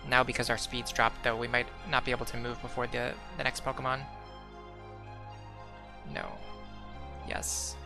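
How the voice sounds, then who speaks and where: A man's voice: mid-range voice, flat delivery, moderate pace, creaky, long pauses. A young man casually commenting while streaming a game, rambling with lots of fillers and restarts. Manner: rambling, many "like" fillers, self-correcting. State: hiccuping. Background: faint background music.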